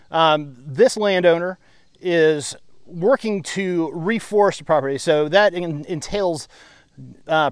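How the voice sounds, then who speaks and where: A middle-aged man working as a forester, explaining outdoors by a creek in a steady, plain-spoken way with occasional fillers. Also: fairly high pitch, clear, resonant tone, no room sound, studio quality. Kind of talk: on-site educational explanation.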